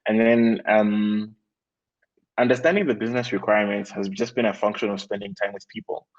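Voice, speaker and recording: A man's voice: on the low side, a little fast, dull audio. A young man from Malawi, a tech guest speaking casually in an interview with lots of fillers. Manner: relaxed, many fillers like "like" and "um".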